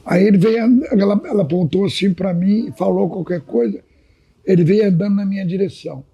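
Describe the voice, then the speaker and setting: Briskly and in a high, creaky, husky voice, an octogenarian man from Minas Gerais, Brazil, relates old stories on a podcast, animated and repeatedly addressing the host by name. The talk is a casual storytelling chat, and the recording sounds dull.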